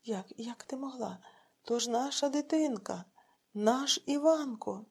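A woman's voice: fairly high pitch, steady tone, moderate pace, dark tone, slightly rough. A woman doing a grieving village husband. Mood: anguished pleading.

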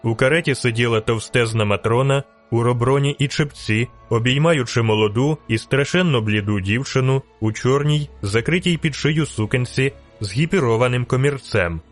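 A man reading a dramatic audiobook in measured, clipped phrases. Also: mid-range voice, faint music behind. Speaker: audiobook narrator.

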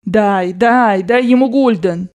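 A woman's voice: mid-range voice, slow pace, a little mellow, lightly acted. A woman voicing an imperious rich old grandmother who gives orders in a brusque, commanding way in an audiobook. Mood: bossy. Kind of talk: audiobook character voice.

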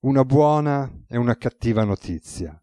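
A man voicing a weary, ironic male god with a relaxed, teasing manner, as read in an audiobook. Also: mid-range voice, moderate pace, no echo, lightly acted. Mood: wry.

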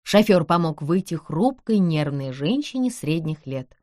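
A woman narrates an audiobook with expressive, storytelling delivery. Her voice sits a little low but moves widely in pitch. The recording is dry and close. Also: a little slow, no room sound. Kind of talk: scripted narration. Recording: dry close studio sound.

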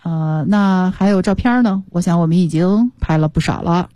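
A woman's voice: lowish voice, moderate pace, mellow, dry recording. A woman teaching English on the radio, explaining step by step in a patient way. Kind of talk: bilingual radio language lesson.

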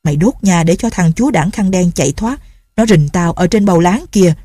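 A harsh old village official in a spoken story, barking questions and blame at his family, as a woman narrator puts him on. The voice is husky and dark. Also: lowish voice, animated, a little fast, no room sound, clean studio sound. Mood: angry. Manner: shouting and scolding.

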